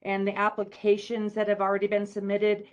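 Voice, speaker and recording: A woman calling in remotely to give a public comment, measured and concerned. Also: mid-range voice, completely flat delivery. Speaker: online caller.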